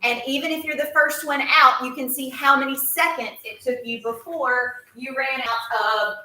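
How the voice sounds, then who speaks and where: A woman teaching a class of children, playful and coaxing as she leads warm-ups. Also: high-pitched, fairly even intonation, normal speed. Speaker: music teacher. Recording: echoey classroom from far off.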